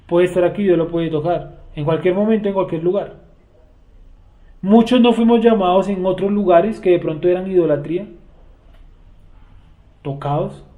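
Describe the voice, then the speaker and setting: A man's voice: high-pitched, narrow, tinny audio. A man with a Colombian accent teaching a Bible class, talking conversationally and often asking the class questions. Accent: Colombian Spanish. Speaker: teacher of a congregation.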